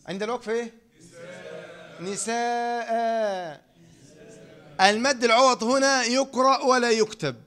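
A man with an Egyptian accent gives a lecture on reading rules, and his voice sits noticeably high. He talks quickly, drilling the same phrases again and again. He keeps prompting his listeners to fill in the missing word. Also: a bit bright. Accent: Egyptian Arabic. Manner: repeats key phrases and quizzes listeners with "إيه؟". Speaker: teacher.

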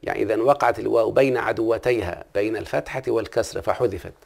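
A man's voice: fairly low pitch, quick pace, vocal fry, a little mellow. A man with an Egyptian accent teaching a classical Arabic grammar lesson, often stopping to ask his listener questions. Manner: asks the listener frequent check-in questions.

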